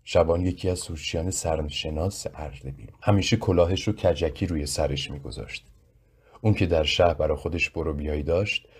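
Low husky male storyteller. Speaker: narrator. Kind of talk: audiobook narration.

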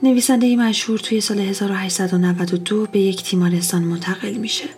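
A woman narrating eerie stories in a soft, hushed voice. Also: mid-range voice, steady tone, faint music behind. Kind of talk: storytelling narration.

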